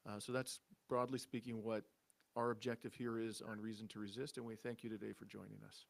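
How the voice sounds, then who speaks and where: A man hosting a live online talk show, speaking measured and firm with frequent uhs. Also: on the low side, level tone, vocal fry. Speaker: host, founder of the show.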